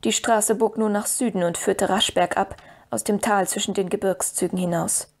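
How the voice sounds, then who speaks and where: A woman's voice: mid-range voice, steady tone, normal speed. Woman narrating a fantasy audiobook. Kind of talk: scripted storybook narration.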